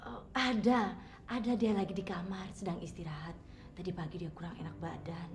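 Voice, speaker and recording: An actress playing a middle-aged mother who speaks softly and politely, blaming herself. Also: on the low side, steady tone, a little fast, lightly acted. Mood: subdued. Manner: soft, self-blaming, polite. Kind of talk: TV drama acting.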